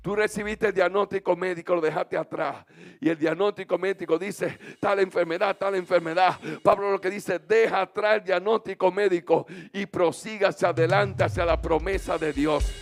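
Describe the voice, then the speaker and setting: A man with a Dominican accent, a pastor preaching a sermon to his congregation. He calls on them to repeat phrases back to him and breaks into sung, shouted lines. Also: high voice, fairly even intonation, moderate pace, vocal fry, faint music behind. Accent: Dominican Spanish. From Dominican Republic. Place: church.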